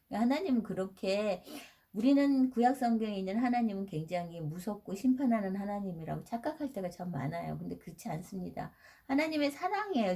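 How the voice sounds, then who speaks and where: A middle-aged woman leads an informal Bible lesson in a mellow, relaxed voice. She talks conversationally, keeps asking her listeners questions, and slips English words in now and then. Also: medium pitch. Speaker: Bible study teacher. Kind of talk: casual Bible lecture.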